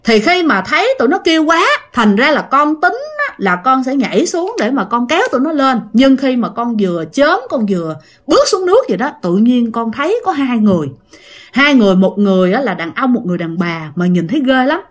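With a slightly high, sing-song delivery and a somewhat quick pace, a woman relates a ghost story. Her narration is chatty and casual, aimed directly at those listening.

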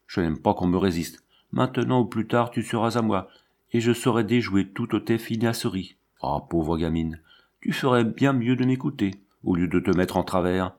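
A man's voice: on the low side, moderate pace, darkish tone, lightly acted. A man reading the part of a menacing young man who mocks and threatens a girl. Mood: mocking. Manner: mocking, menacing.

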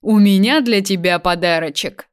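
A man's voice: sits high, normal speed, clear, resonant tone, close to an everyday voice. A woman reading the part of a cruel, vengeful male kidnapper who taunts and gloats. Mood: mocking. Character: vengeful cruel young man kidnapper, mocking.

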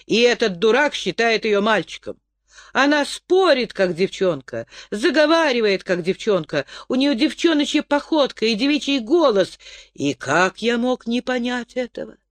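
A calm young nobleman, voiced by a male narrator, teases in a cool, matter-of-fact way. His pitch stays lively, and the storybook audio is dry and close. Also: normal speed, no room sound. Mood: mocking.

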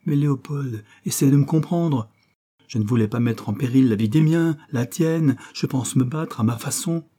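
A man's voice: medium pitch, normal speed, warm tone, pitched above the performer's own voice, lightly acted. A man reading an audiobook and voicing a doctor who defends himself, pleading and combative. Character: Louis, doctor defending himself, moody and stubborn.

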